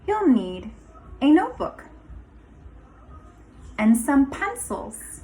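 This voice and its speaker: Her voice sits high as this woman, a kindergarten teacher, reads a picture book to young children with expression and an instructive touch, pausing for side remarks. It's a rough recording.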